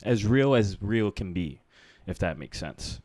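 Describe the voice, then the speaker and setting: A male podcast host speaks low and relaxed, trailing into fillers. The sound is dry and close, with no room echo. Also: measured pace. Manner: laid-back, with many fillers. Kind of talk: casual interview chat.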